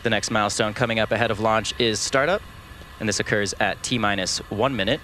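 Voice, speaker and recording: A man hosting a live launch webcast with measured, explanatory commentary. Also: lowish voice, steady tone, sharp tone, a little hiss or hum.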